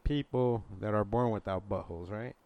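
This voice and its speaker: A man's voice: fairly low pitch, moderate pace, darkish tone, no echo. A young man joking casually in a crude, slangy frat-bro manner.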